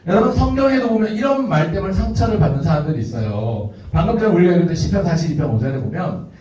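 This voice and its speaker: Lively pastor preaching in echoey hall. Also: male voice, high-pitched, quick pace, distant mic. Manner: lively, acts out nagging and taunting voices. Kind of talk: youth sermon. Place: church hall. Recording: echoey hall, muffled from afar.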